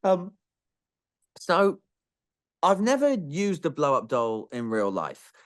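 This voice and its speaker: A man's voice: on the high side, wildly swooping pitch, slow. A young man from Greece raised in England, chatting animatedly as an interviewed musician, laughing often and restarting his sentences. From born in Greece, raised in England. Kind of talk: casual interview chat.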